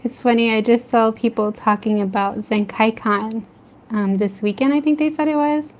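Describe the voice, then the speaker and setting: She's an American art streamer from the East Coast, speaking at normal speed in a fairly high, steady voice. Drawing late at night at home, she answers live chat casually and laughs often between comments.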